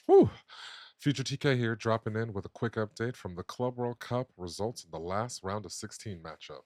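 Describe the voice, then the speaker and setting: A young man hosts a soccer talk podcast in a loose, opinionated manner, full of fillers and quick restarts. His voice sits at a middling pitch and is recorded close and dry, with no room sound. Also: dry recording. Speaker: podcast host. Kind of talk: casual sports chat.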